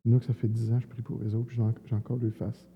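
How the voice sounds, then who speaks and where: A man's voice: medium pitch, level tone, racing, a little hiss or hum. A man with a Quebec French accent telling colloquial stories as a church testimony, recorded tinny with a long church echo. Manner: colloquial storytelling, many fillers. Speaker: evangelist giving testimony. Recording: tinny sound, long hall reverb.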